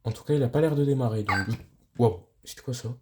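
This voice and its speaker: A man's voice: mid-range voice, brisk, noisy background. A man casually narrating a tech vlog, laid-back, with lots of hesitations and mild swearing, on a cheap microphone. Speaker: tech YouTuber.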